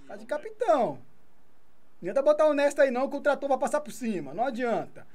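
A Brazilian woman streaming a football video game, commenting live in an excitable, taunting way and swearing often. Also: high voice, fast. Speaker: gaming streamer.

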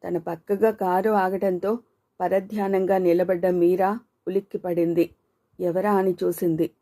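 A woman narrating an audio novel in steady, measured scripted storytelling. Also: fairly low pitch.

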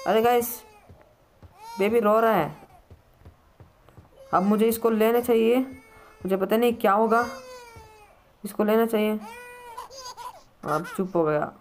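A man's voice: high voice, slow, pauses often, slight background noise. A man hosting his gaming channel, giving jumpy let's-play commentary on a horror game, often yelping in fright and talking to viewers.

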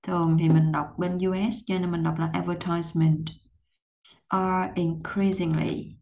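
A woman teaching pronunciation, patiently explaining step by step and slowly repeating words to demonstrate them. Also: low voice, level tone, mellow, slight background noise.

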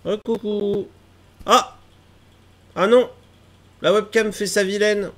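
His voice sits high and steady, and he takes it slowly: a man in his thirties, stuffy from a cold, chatting casually with live-stream viewers while gaming and fixing tech problems. He's self-mocking and fusses over the trouble from a gaming chair in a small room at home.

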